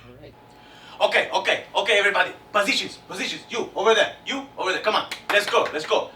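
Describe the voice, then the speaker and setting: Male actor as a frantic, bossy director in a comedy sketch; bright forceful voice, echoey and off-mic. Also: sits high, quick pace. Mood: commanding. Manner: urgent, pleading, commanding. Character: harried, bossy Spanish-speaking commercial director. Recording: roomy, distant mic, faint noise.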